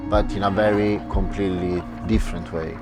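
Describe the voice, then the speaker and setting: A man explains a design workshop in a documentary interview. His very deep voice stays flat and measured, and loud music runs under him. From Italy. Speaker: designer, studio founder. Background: loud background music.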